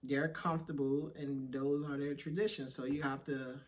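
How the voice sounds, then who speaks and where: A young man from Washington, D.C., co-hosting a casual couples chat, telling stories in an animated, slangy, joking way. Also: medium pitch, normal speed. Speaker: co-host.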